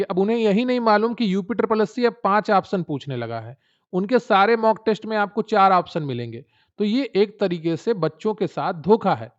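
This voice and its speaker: A man teaching exam preparation who pitches his study notes persuasively and speaks straight to the viewer. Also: dull audio. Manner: persuasive, addresses viewers directly. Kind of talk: promotional exam-prep talk.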